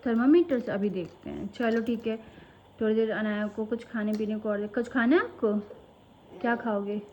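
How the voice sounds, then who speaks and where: A woman in her thirties talking casually to the camera in a home vlog, chatting and gently coaxing her children. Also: medium pitch, moderate pace, a little hiss or hum, rough recording. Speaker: vlogger and mother. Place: home, indoors.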